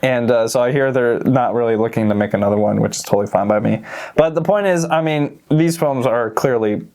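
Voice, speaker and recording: A man's voice: mid-range voice, fairly quick, a little mellow. Young guy rambling about movies, says yeah a ton, kinda meandering. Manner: agreeable, lots of "yeah", rambling with restarts and laughs. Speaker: co-host. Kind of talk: casual chat about movies.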